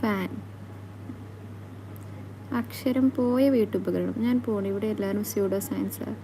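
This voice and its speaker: A woman chatting casually on a live stream, reading out comments and teasing her viewers in a playful, quick back-and-forth. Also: medium pitch, dark tone, a little hiss or hum.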